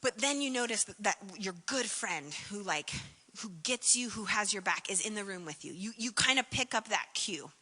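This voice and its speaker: A woman's voice: mid-range voice, animated, normal speed, pushed and bright, big-room sound. A woman giving a conference keynote in a conversational, reflective way, full of "like" and "um" fillers. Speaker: keynote speaker.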